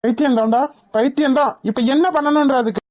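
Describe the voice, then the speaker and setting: A woman's voice: sits high, quick pace, a little mellow, lightly acted. A woman voicing a bitter grieving cartoon young man. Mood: bitter, angry. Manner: bitter, resentful. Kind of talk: cartoon voice acting.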